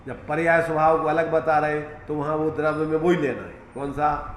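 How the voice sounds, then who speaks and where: A man's voice: a little high, level tone, normal speed. A man teaching a scripture class, patient and explanatory, repeating key terms and using homely examples. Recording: echoey room, faint background noise.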